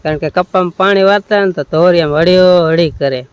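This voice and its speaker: A man's voice: high-pitched, fairly quick, dull audio. A man with a Kathiawadi Gujarati accent chatting casually as a village vlogger, teasing and easygoing, recorded outdoors on a farm. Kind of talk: casual village vlog chat. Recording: outdoor noise with birds and animals.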